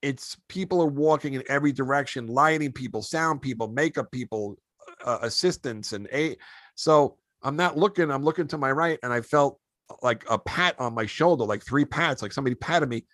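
A man who hosts a podcast, telling animated show-business anecdotes in a casual way. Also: mid-range voice, moderate pace, no room sound. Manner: animated anecdotes, acts out quoted voices. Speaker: podcast host and actor. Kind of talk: casual storytelling.

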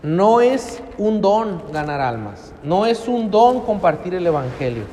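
A man's voice: sits high, big pitch swings, a little slow, mellow, a little hiss or hum. A middle-aged man with a Mexican accent preaching a sermon in a church hall, emphatic and full of rhetorical questions. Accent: Mexican Spanish. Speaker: pastor. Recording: long church hall reverb.

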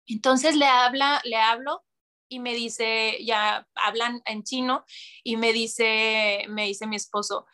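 A woman's voice: fairly high pitch, slow pace. A woman, casually telling a story as a guest and acting out voices. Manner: animated, acts out voices, laughs often.

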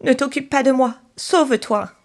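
A woman's voice: high-pitched, moderate pace, a little mellow, pitched above the performer's own voice. A woman doing an emotional old woodcarver father. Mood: weak. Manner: emotional exclamations. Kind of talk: storybook reading.

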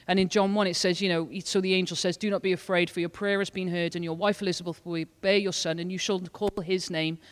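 High-pitched male co-host, earnest Bible study chat, reverberant room. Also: little pitch movement, quick pace, few pauses, clean tone. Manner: earnest, reads scripture aloud at length. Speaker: church leader. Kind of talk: casual Bible study discussion.

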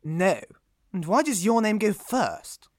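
A woman's voice: mid-range voice, very animated, takes it slowly, darkish tone, no echo, clean studio sound. A woman playing a vain, lazy, pompous male detective in a comic audio drama, petulant and theatrical in manner. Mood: dismissive.

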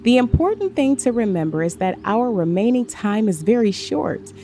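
A woman giving a measured, steady scripted Bible reading. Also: on the high side. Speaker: scripture reader. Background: faint background music.

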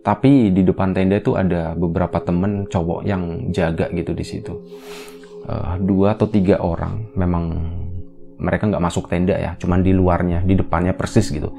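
A man casually retelling a horror story as a podcast storyteller, in a relaxed, rambling, conversational way. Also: deep voice, moderate pace, vocal fry.

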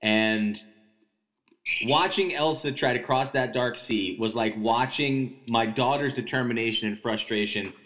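A man's voice: mid-range voice, unhurried, fairly bright tone. A man co-hosting a casual podcast chat about a film, wry, teasing and analytical. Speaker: podcast co-host.

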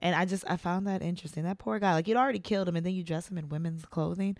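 A woman co-hosting a true crime podcast in casual chat, animated and slangy, acting out quotes. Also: lowish voice, rapid-fire, no echo, clean studio sound. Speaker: podcast co-host.

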